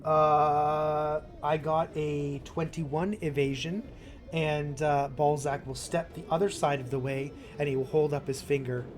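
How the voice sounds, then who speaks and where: A man playing a tabletop game, announcing his rolls and moves slowly and deliberately with fillers. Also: fairly high pitch, fairly even intonation. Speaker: player. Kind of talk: casual chat.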